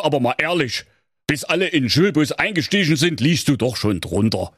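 A man's voice: medium pitch, dry recording, clean studio sound, voice pushed up. A man voicing an exasperated father lecturing his son in a storybook tale. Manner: lecturing, fed up. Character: exasperated middle-aged father, scolding.

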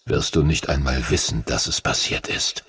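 A man voicing an ancient, gruff male dragon mentor who speaks slowly and gravely in a deep, stern voice. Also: a bit bright, dry recording, heavily acted. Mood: ominous. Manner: stern, scolding, ominous.

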